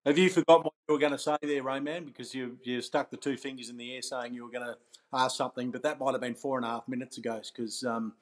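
A man's voice: mid-range voice, steady tone, quick pace. An Australian man co-hosting a podcast, chatting in a wordy, teasing way. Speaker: podcast co-host. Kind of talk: bantering podcast chat.

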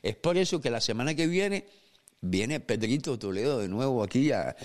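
A man with a mid-pitched voice hosts a relaxed boxing podcast. He talks in a chatty, playful way and shifts into an announcer-like tone for plugs. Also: moderate pace, slight background noise. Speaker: podcast host. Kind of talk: casual boxing chat.

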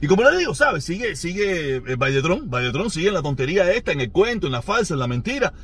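A Cuban man with a Cuban Spanish accent hosts his own show in a loose, ranting monologue. He sounds mocking and animated and circles back over the same phrases. His voice is husky and sits fairly high for a man. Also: fast. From Cuba. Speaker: podcast host.

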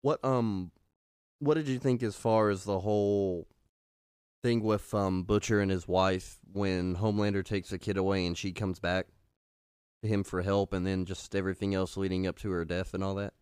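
A man's voice: sits low, fairly even intonation, normal speed, darkish tone, clean tone, no echo, clean studio sound. A man co-hosting a podcast in loose casual chat, swearing and saying "bro". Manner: loose, profane, says "bro" a lot. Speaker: podcast co-host.

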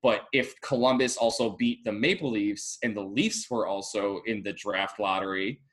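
A man co-hosting a podcast, chatty and prone to laughing as he works through details out loud. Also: lowish voice, steady tone, normal speed. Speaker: podcast co-host. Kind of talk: casual sports chat.

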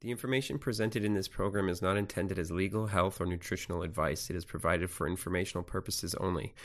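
A man reading a scripted legal disclaimer in a fast announcer's delivery. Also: deep voice, fairly even intonation.

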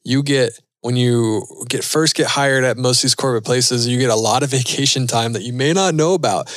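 A man's voice: medium pitch, a little fast, a bit bright, dry recording, clean studio sound. A man in his thirties hosting a casual podcast, answering listener questions in an easygoing way and thinking aloud with fillers. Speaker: podcast host and pilot.

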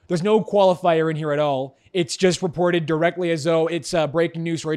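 A man co-hosting a news commentary show, incredulous and mocking about a story. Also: on the high side. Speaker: co-host.

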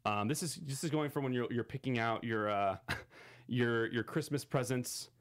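A man co-hosting a casual entertainment podcast, excitable and rambling with restarts. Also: medium pitch, moderate pace. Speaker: co-host.

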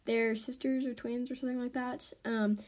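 A woman's voice: fairly high pitch, little pitch movement, moderate pace, darkish tone. A woman hosting a casual episode, reading aloud a story she wrote as a child in a chatty, self-deprecating way. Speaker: host reading her own childhood story.

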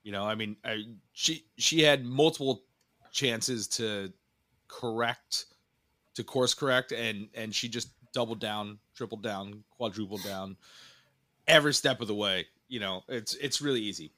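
A man co-hosting a podcast with a nasal voice, joking about himself in halting casual talk. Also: on the low side, bright, forceful tone. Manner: joking, self-mocking, halting. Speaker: podcast co-host.

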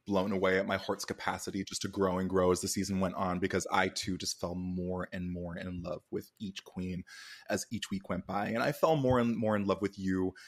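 A man's voice: sits low, little pitch movement, moderate pace. A man hosting a conversational recap interview in an effusive, campy manner full of endearments. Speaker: podcast interviewer and host.

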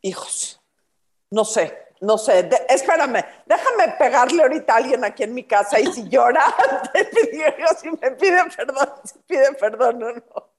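A woman talks in a casual podcast chat. She sets out her arguments in neat lists and laughs as she goes. Her voice is high. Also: expressive, a little slow. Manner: laughs while arguing, lists points. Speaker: podcast co-host.

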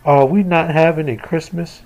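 A man's voice: on the high side, steady tone, moderate pace, darkish tone, a little hiss or hum, pitched above the performer's own voice, lightly acted, rough recording. A man voicing a hopeful little boy who asks eager, pleading questions.

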